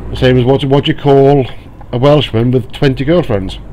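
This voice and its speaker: A man's voice: medium pitch, moderate pace. A man streaming live, chatting casually and welcoming viewers by name as they join. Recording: steady background noise.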